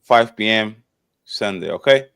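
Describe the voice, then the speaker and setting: Low, smooth-voiced man hosting a panel. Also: lively intonation, unhurried, fairly bright tone. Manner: loose, repetitive announcing with many "okay?" tags. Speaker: panel show moderator. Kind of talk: casual live-stream panel talk.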